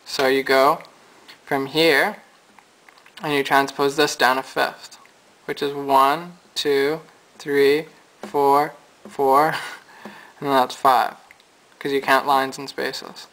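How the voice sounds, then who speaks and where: A man's voice: medium pitch, level tone, slow pace, pushed and bright, rough recording. A man giving a casual, chatty piano lesson, explaining his points at the keyboard. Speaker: music teacher. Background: piano notes.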